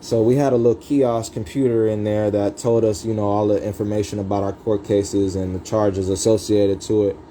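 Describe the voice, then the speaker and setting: A man's voice: on the low side, level tone, moderate pace, few pauses, mellow, slight background noise, poor audio. A man telling his life story in a rambling, profane livestream, heavy with street slang and fillers.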